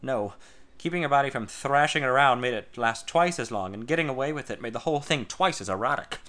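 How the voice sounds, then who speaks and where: A man's voice: mid-range voice, expressive, fast, pushed and bright. A man voicing a sly, teasing grown man.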